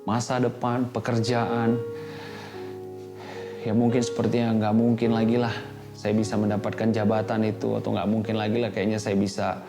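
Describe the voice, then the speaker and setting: A man's voice: lowish voice, monotone, moderate pace, music in the background. A man with an Indonesian accent preaching a fervent sermon as a pastor, slipping English words into his talk. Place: church hall.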